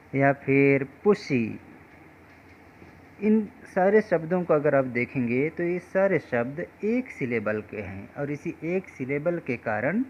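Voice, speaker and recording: A man explains pronunciation at an unhurried pace, pausing on each example word. His voice sits at an ordinary pitch. The recording is muffled and lo-fi, with a faint hum behind it. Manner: slow, patient, addresses viewers as friends. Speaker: English teacher.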